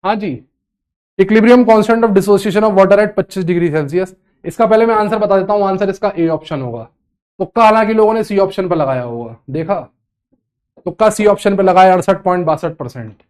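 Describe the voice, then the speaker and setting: High-voiced man teaching chemistry. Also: normal speed, a little mellow, smooth. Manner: scolding, teasing, repeats phrases. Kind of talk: online lecture.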